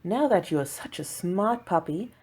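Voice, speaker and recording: A woman's voice: lowish voice, lively intonation, moderate pace, darkish tone, husky, pitched above the performer's own voice. A woman voicing a patient, kind young boy who is training his puppy, speaking in a raised, coaxing child voice. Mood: cheerful.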